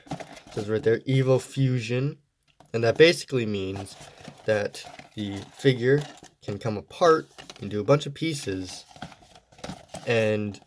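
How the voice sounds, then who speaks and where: A man with a slightly low voice that sounds stuffy and congested, as if his nose is blocked. He talks through a toy review in an easygoing, rambling way. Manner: easygoing, meandering explanations.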